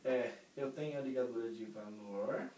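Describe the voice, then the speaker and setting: A man's voice: medium pitch, normal speed, distant mic, background noise. A man teaching music theory in a casual lesson, explaining step by step, checking in with his students and singing short examples. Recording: roomy, voice somewhat off-mic.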